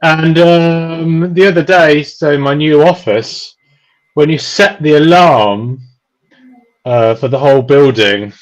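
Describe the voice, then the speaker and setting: A man giving relaxed, dry, chatty live commentary on a race, with many pauses and "um"s. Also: fairly high pitch, poor audio. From United Kingdom.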